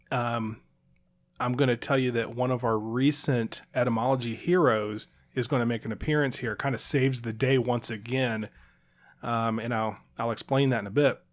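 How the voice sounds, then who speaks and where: A man's voice: mid-range voice, steady tone, a little fast. Chatty man co-hosting a podcast. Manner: chatty, explaining at length with fillers and restarts. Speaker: podcast co-host. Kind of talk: casual chat.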